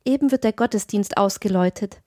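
A woman voicing a shy, wistful young peasant girl who speaks softly and bashfully, in a lifted voice. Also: mid-range voice, fast, no echo, studio quality, natural voice. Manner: soft, bashful, sighing.

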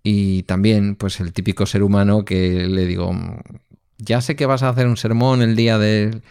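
Guy, lowish voice, telling stories slow and thoughtful, dry close mic. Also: steady tone, darkish tone, clean tone, no room sound. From Basque Country, Spain. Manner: reflective anecdotal storyteller. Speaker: podcast co-host. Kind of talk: casual conversation.

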